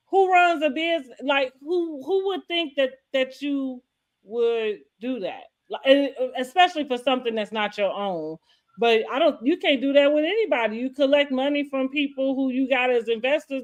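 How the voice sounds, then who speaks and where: A woman's voice: high voice, normal speed, lo-fi sound. A woman co-hosting a casual, opinionated recap chat, rambling and often restating her points mid-thought. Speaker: co-host of a reality TV recap show.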